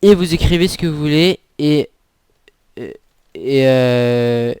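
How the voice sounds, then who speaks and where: A young man giving a casual, halting tutorial on a shooter game while he plays, with many fillers. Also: medium pitch, darkish tone, clear, resonant tone. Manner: hesitant, many fillers, talks while playing. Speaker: gaming video creator. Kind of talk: casual gameplay tutorial commentary.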